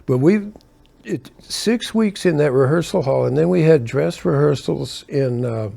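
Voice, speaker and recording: A man's voice: a little high, animated, a little slow, creaky, mellow, breathy edge. An older man, a keyboard player, telling stories from his touring days in a casual, rambling way, often correcting himself and chuckling between asides. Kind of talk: casual anecdotal storytelling.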